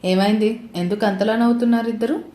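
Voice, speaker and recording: A woman's voice: on the high side, steady tone, fast, dark tone, roomy sound, close to an everyday voice. A woman reading the part of a playful, teasing young husband in a spoken romance story. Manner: mocking, bossy teasing.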